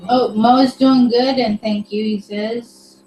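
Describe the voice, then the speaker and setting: A woman's voice: on the high side, steady tone, measured pace, mellow, far from the mic. A woman co-hosting a casual livestream, reading viewer comments aloud and laughing often. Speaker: livestream co-host reading chat. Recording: echoey room with faint hum.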